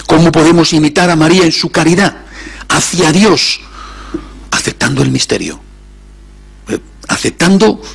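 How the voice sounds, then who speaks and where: A man, a priest, giving a reflective sermon, sometimes dropping to soft near-whispers and rising for emphasis. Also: medium pitch, vocal fry, breathy edge.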